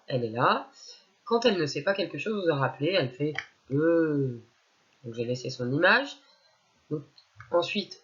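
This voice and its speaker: A woman teacher walks young children through a reading lesson, sounding out each syllable with unhurried patience. Her slow, deliberate delivery comes through a dull, lo-fi recording. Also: low-pitched.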